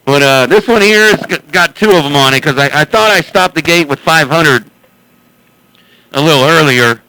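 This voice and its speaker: A man with a fairly high, bright voice chats casually on CB radio. He rambles bluntly and saltily, with a clean, crisp sound. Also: normal speed, dry recording, poor audio. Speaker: CB radio operator who records and uploads chats.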